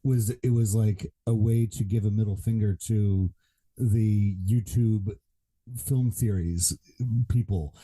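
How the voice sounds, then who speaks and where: A man with a low, very mellow and dark voice co-hosts a podcast. He talks in a loose, rambling way, full of "you know" and restarts as he works through his points. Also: fairly even intonation, slow. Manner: rambling, many fillers and restarts. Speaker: podcast co-host. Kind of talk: casual podcast chat.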